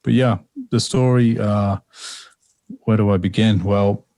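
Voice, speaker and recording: A man from England, on the low side with a warm tone, speaks unhurriedly with fairly even intonation in a dry recording. He's a podcast guest casually telling a personal story. His storytelling is rambling and reflective, thick with fillers and repeats.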